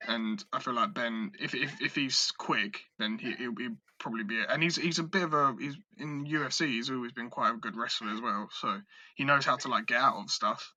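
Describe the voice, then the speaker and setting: A man co-hosting a podcast in casual chat, stammering, swearing and getting excited. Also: medium pitch, brisk, dry recording. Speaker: podcast co-host.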